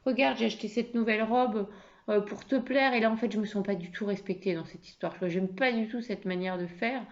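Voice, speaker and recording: A woman acts out a wife at the end of her patience who bursts out loudly and indignantly. Her voice has a gravelly grain, and the recording is a bit muffled and lo-fi. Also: lowish voice, animated, fast. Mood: upset. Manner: loud, heated, indignant outbursts. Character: furious wife whose evening plans fell through.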